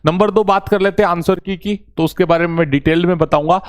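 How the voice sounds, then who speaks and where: A man's voice: high-pitched, steady tone, quick pace. A man teaching as an exam coach, talking casually and reassuringly to students and calling them brother, with a touch. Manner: familiar, reassuring, often says brother.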